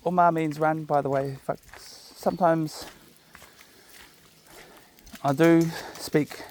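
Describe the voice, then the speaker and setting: This man's voice sits fairly high but has a darkish tone, with fairly even intonation and a slow pace, plus slight background noise. A New Zealander walking his dog on park trails outdoors, he talks casually to viewers through a chest-mounted camera. The rambling monologue is laid-back and chatty, with jokey asides.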